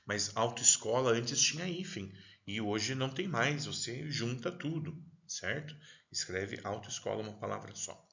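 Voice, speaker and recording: A man's voice: mid-range voice, lively intonation, a little slow, creaky, few pauses, fairly bright tone, muffled recording, a little hiss or hum. A male teacher with a Paraná accent giving a recorded class lecture, chatty and digressive, constantly checking in with the listener. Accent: Paraná, southern Brazil.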